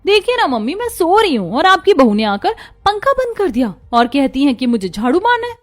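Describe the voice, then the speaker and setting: A woman's voice: sits high, sing-song, fairly quick. Woman voicing young women in a family cartoon. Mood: petulant. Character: young daughter-in-law and sulky daughter.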